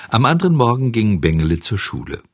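A man reading a children's novel aloud as an audiobook narrator, measured and expressive. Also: on the low side, no room sound, clean studio sound.

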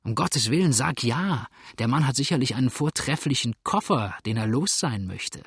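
A man's voice: mid-range voice, animated, moderate pace, a bit bright, slightly rough, dry recording, clean studio sound, full character voice. A man voicing a greedy rower who urges his mates on in a sly, eager way. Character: giggling greedy male rower.

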